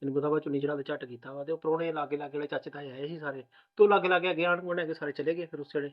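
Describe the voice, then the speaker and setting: A man plays a young husband soothing his new bride, talking very fast in a fairly high voice. The recording is dull and lo-fi, like a low-budget village drama. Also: fairly even intonation, close to an everyday voice. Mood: reassuring. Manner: rapid, reassuring, soothing. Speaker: groom. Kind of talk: village family drama acting.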